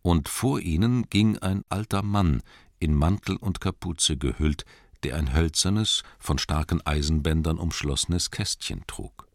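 Deep-voiced man reading a story. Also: a little slow, gravelly, no room sound, studio quality. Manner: expressive storytelling. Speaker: narrator. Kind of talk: audiobook narration.

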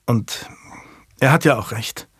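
A man's voice: mid-range voice, slow, fairly bright tone, husky, dry recording, clean studio sound. A man voicing a curt, guarded young male servant in a storybook.

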